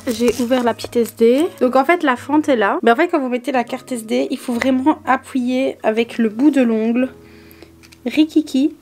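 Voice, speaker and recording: A young woman vlogging casually from her bedroom, chatty and excitable, with a sore, dry throat. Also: fairly high pitch. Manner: chatty, easily excited, exclaims and grumbles. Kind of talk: casual vlog chat. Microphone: camera mic.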